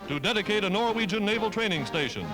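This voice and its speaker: High-voiced man, old newsreel narrator. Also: lively intonation, quick pace, loud music behind the voice.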